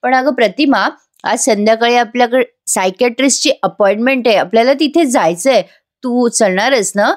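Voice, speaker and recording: A woman's voice: fairly high pitch, normal speed, dry recording, natural voice. A woman voicing a middle-aged father who teases and questions in a dry, skeptical way. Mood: wry.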